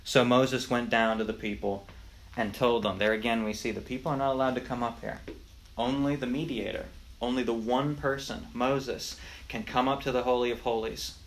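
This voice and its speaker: A man's voice: medium pitch, fairly even intonation, normal speed. A man teaching a Sunday school lesson, explaining the Bible and reading scripture aloud with rising emphasis.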